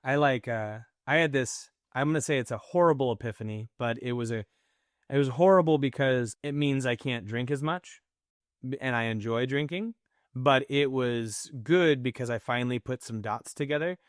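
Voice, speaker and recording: A man's voice: medium pitch, moderate pace, no echo, clean studio sound. A man co-hosting a podcast in casual conversation, telling personal stories candidly and acting out his own inner voice. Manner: candid, animated storytelling with mimicked inner voices. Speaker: podcast co-host.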